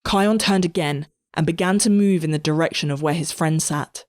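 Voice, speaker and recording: A woman narrating a comic story in a lively storytelling manner. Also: low-pitched, normal speed.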